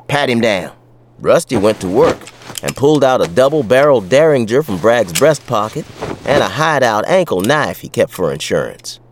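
A man's voice: fairly low pitch, slight background noise. An actor playing a wry, tough frontier sheriff who tells his western story in folksy talk with an American West accent. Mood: gruff, defiant. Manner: folksy, colloquial. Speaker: narrator and lead character. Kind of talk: dramatized first-person western storytelling.

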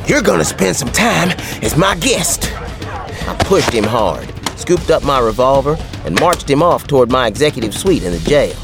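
A man's voice: medium pitch, sing-song, moderate pace, gravelly, music in the background. An actor playing a wry, tough frontier sheriff who tells his western story in folksy talk with an American West accent. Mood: rough, excited. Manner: folksy, colloquial. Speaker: narrator and lead character. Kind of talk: dramatized first-person western storytelling.

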